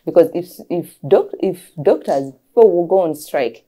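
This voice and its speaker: A woman's voice: fairly low pitch, animated, normal speed, dark tone. A woman, a doctor, explaining earnestly as a guest in an interview and repeating key phrases for emphasis. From Uganda.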